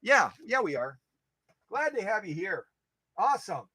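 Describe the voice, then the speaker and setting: A man's voice: high voice, big pitch swings, a little slow, sharp tone, slightly rough, dry recording. A man hosting a casual livestream, playfully reading out and answering viewer comments, often repeating himself. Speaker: host of a sewing machine restoration channel.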